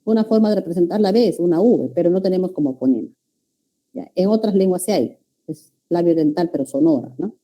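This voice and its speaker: Peruvian woman teacher, dark mellow tone, explains step by step and checks in with the class. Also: on the low side, brisk. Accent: Peruvian Spanish. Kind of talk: university-prep lecture.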